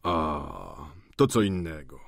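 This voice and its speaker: A man reading the part of a sly, cynical middle-aged schemer who talks with slow mockery. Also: fairly low pitch, big pitch swings, slightly rough, no echo, studio quality, heavily acted. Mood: mocking. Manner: mocking, slow and deliberate.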